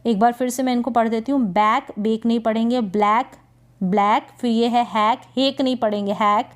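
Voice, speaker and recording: A woman teaching English spelling and reading, drilling each word slowly and asking and answering her own questions. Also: fairly high pitch, steady tone. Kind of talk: spelling and pronunciation lesson.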